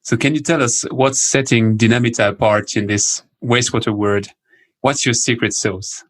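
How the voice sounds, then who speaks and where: A man's voice: mid-range voice, steady tone, moderate pace. A man hosting a podcast, opening the show from a script and then asking a guest polite, eagerly worded questions. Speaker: podcast host. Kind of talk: scripted intro and interview questions.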